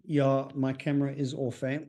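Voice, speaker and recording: A man's voice: medium pitch, completely flat delivery, moderate pace, dark tone. A man giving a race briefing over a video call, his voice breaking up as the stream quality drops. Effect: voice breaking up over a weak video call connection.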